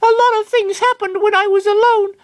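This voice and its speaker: Squeaky falsetto Lucario. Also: male voice, flat delivery, a little fast. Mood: earnest. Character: high-pitched loyal male Lucario creature.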